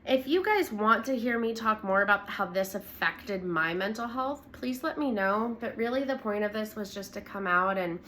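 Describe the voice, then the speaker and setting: Earnest, blunt young woman with a bright voice. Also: on the high side, a little hiss or hum. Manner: earnest, blunt, uses fillers, swears. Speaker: vlogger sharing her personal story. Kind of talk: candid direct-to-camera talk.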